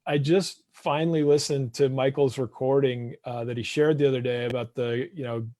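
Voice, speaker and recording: Male host, relaxed and dry-sounding, friendly casual chat, reading viewer questions. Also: medium pitch, moderate pace, no echo. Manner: friendly, thanks guests, reads audience questions. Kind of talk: casual video call chat. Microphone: video call.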